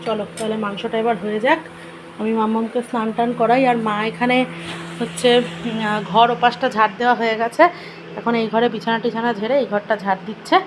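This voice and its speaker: A woman with a hoarse voice from a cold, chatting casually to viewers in a home vlog from her kitchen. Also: on the high side, little pitch movement, fairly quick. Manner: chatty, addresses viewers directly. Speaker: vlogger. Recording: noisy home recording.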